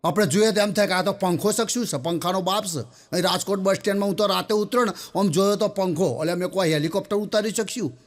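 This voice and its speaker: A man, pitched high for a man, reels off comic jokes one after another. He tells them in a chatty, storytelling way and keeps turning to speak straight to his listeners. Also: fast. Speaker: stand-up comedian. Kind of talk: Gujarati folk joke telling.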